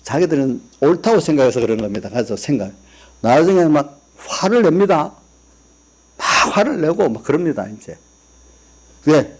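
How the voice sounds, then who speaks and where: A man's voice: fairly high pitch, sing-song, normal speed, long pauses, husky. Man, pastor, church sermon, conversational, rhetorical questions, personal stories. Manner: tells personal stories, quoting family members. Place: church sanctuary.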